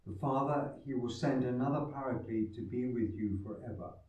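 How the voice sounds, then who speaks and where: A male priest reading scripture and preaching in a measured, solemn way, with cathedral echo around his voice. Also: mid-range voice. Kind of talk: Gospel reading and homily. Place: large echoing church. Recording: cathedral echo, distant microphone, muffled sound.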